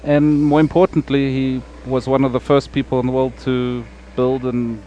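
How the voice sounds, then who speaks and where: A man who grew up in South Africa, a paint scheme designer chatting as a podcast guest outdoors at an airfield, relaxed and pausing often with fillers. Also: mid-range voice, dull audio, slight background noise. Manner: relaxed, hesitant, many fillers. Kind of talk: casual outdoor podcast chat. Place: outdoor airfield deck near runway.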